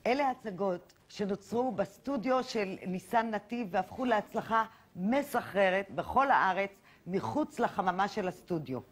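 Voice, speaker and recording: Woman presenting a playful arts report. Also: medium pitch. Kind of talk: scripted arts report narration.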